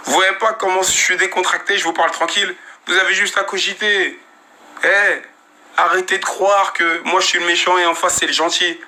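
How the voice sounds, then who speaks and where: Defiant, bright-voiced man. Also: on the high side, slight background noise. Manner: defiant, slangy street talk, repeats phrases. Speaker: rapper on a livestream. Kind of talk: confrontational livestream rant.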